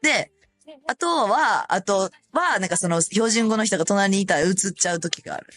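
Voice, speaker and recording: Young woman, Osaka accent, radio host, casual and chatty, mid-pitched voice, faint music behind. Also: normal speed. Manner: relaxed, chatty, thinks aloud with fillers. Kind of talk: casual radio chat, reading listener mail. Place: radio studio.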